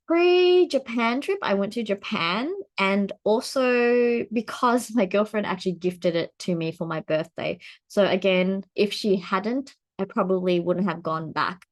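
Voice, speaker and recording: A woman in her forties chats casually to the camera in a vlog, laughing a lot, and her pitch jumps upward whenever she gets excited.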